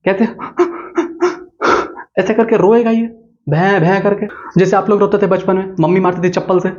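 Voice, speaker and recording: Chatty young male biology tutor, high-pitched voice, jokey and engaging. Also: fairly even intonation, moderate pace, darkish tone, muffled recording. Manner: chatty and joking, keeps checking in with listeners. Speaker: biology teacher. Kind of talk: playful explainer lesson.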